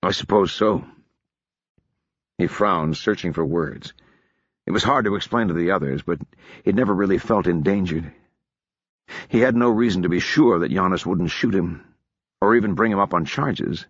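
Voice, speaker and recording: A man narrating a fantasy audiobook in measured scripted storytelling. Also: low voice, slightly rough, dry recording, lo-fi sound.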